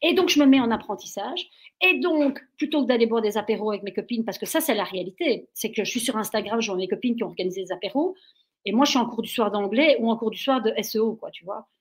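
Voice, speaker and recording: Telling animated stories as an interview guest, this woman from Belgium talks fast in a fairly high voice. She's full of energy and tends to get carried away while speaking.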